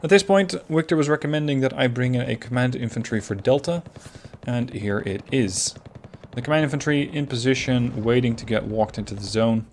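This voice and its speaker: A man narrates a replay of his strategy game match in an easygoing, analytical way, pausing to admit his own misplays. His voice sits at an ordinary middle pitch. A faint hiss of noise runs under the recording. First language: not Finnish. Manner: relaxed, analytical, self-critical. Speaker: gameplay commentator.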